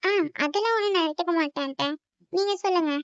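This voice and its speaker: A woman voicing a gentle young woman devoted to her younger sisters, soft and polite. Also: very high voice, fast, no room sound, muffled recording. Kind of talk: cartoon voice acting.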